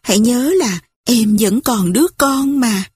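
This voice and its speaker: A woman voicing a gentle, kind young woman who speaks softly and soothingly. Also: a little high, unhurried, breathy edge, dry recording. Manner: soft, soothing.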